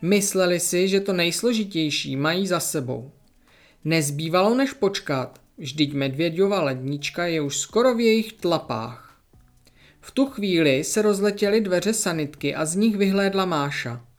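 A storyteller narrating a children's story in a lively, expressive way. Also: medium pitch.

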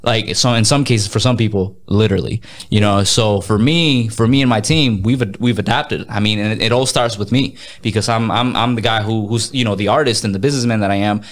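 A Mexican music artist in his thirties is a guest on a casual interview. His voice is on the low side and a little fast, with few pauses. He sounds energetic, repeats words, and slips into Spanish phrases.

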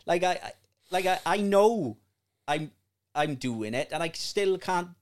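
A man's voice: sits high, expressive, a little slow. A man in his late thirties, a podcast guest chatting casually, sweary and rambling with repeated words. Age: 30s. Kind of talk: casual chat.

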